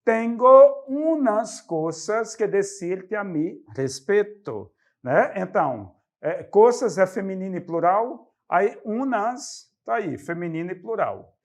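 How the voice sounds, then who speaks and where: A man from Brazil explaining Spanish grammar to students, stressing the example words loudly. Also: high voice, lively intonation, slow pace. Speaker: Spanish teacher. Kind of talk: classroom explanation.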